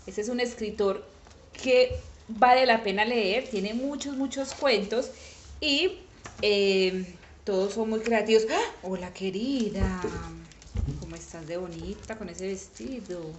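A woman reading a children's story aloud in an animated way, with sudden shouted exclamations. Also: mid-range voice, unhurried, roomy sound, a little hiss or hum.

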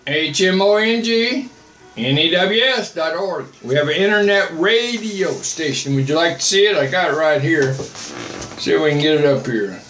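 A man's voice: a little high, expressive, moderate pace, a bit bright, reverberant, slight background noise. An older man, a missionary, hosting a home livestream, answering viewer comments in a blunt, repetitive way from a small home office. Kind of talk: livestream preaching and chat. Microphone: webcam at desk.

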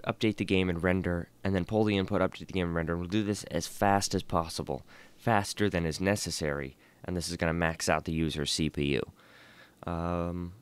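A man teaching programming with a low, smooth voice, talking into a desk microphone. He sounds tired and thinks aloud, filling pauses with "um" and "uh" as he slowly reads out lines of code. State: tired and yawning. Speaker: programming tutorial host. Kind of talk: casual screen-recorded coding lesson.

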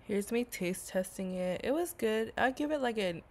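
A woman's voice: medium pitch, lively intonation, normal speed, background noise. A young woman talking casually to her phone as a vlogger, rambling and chatty, often saying "bro" and "oh my god.". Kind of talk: casual vlog narration. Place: indoors at home, sometimes stepping outside.

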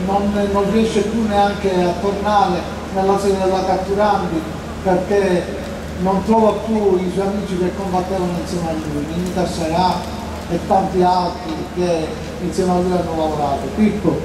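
A man's voice: high-pitched, level tone, normal speed. A man in his sixties addresses a public gathering from an outdoor stage as its host. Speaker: rally host introducing speakers. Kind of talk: public speech, later reading a letter aloud. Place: outdoor stage in a town square at night. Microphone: handheld mic through PA, recorded by far camera. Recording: echoing outdoor PA, distant and noisy.

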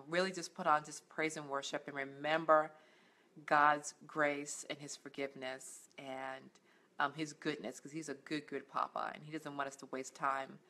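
A middle-aged woman, a life coach, sits on a couch at home and speaks to the camera in a faith-based motivational vlog. Her voice is low-pitched and bright with a forceful tone, and her earnest, encouraging talk is full of fillers and restarts.

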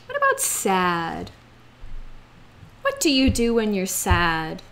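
Very slow, lively woman teaching kids. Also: medium pitch. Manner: slow, exaggerated, playful delivery with acted-out feelings. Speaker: English teacher for children. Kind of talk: slow, expressive children's lesson.

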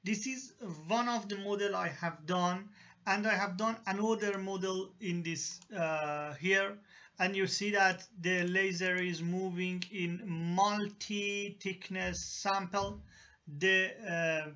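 Man, slow halting tutorial, lots of uh and restarts, lo-fi voice-over. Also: sits high, steady tone, pushed and bright. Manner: halting, many fillers and restarts. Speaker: engineering software tutor. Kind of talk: screen-recorded software tutorial. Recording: dull lo-fi voice-over.

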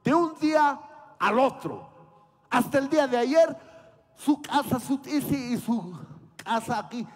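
A man, telling a comedy story on stage and acting out the voices. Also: extremely high pitch. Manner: animated, acts out voices. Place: outdoor fair stage.

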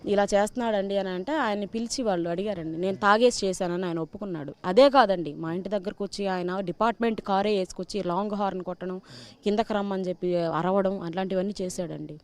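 A woman speaks in a clear, smooth voice at a middling pitch. She recounts her complaint to the press insistently and in detail, quoting exchanges as she goes. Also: quick pace, darkish tone. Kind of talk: spoken personal account to press.

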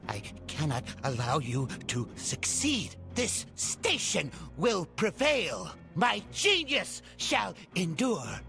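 An actor voicing a calm, cold and menacing evil clockwork machine man villain in a video game. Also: high-pitched, slow, vocal fry, few pauses, heavily acted. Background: game music.

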